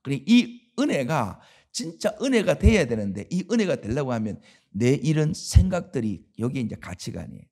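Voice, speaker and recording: Male pastor, Gyeongsang Korean accent, gravelly husky voice, dark tone, conversational dawn sermon with rhetorical questions. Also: mid-range voice, big pitch swings, moderate pace.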